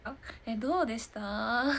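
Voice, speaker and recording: This idol in her twenties speaks slowly in a fairly high, fairly bright voice with vocal fry. On her live stream talk show she answers viewer comments in a casual, giggly, chatty way, often breaking into laughter.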